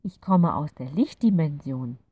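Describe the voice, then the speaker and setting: Storybook fairy creature, gentle and patient, read by a woman, unhurried, slightly distant mic. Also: deep voice, expressive, slightly rough, dry recording, phone-quality sound, full character voice. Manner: patient, soothing explaining. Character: kind gentle fairy creature from a light dimension.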